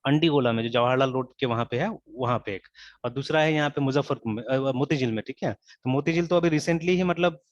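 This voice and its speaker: A fairly quick, mid-range male voice leads this informal online programming class, mixing English into the talk and asking "theek hai" constantly. It's a dry, dull lo-fi recording.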